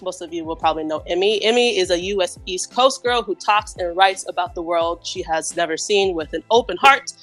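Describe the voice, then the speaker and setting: A woman's voice: fairly low pitch, a little fast, hardly any pauses, a bit bright, no room sound, soft background music. A woman hosting a casual podcast, upbeat and chatty, who laughs easily as she talks. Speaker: podcast host.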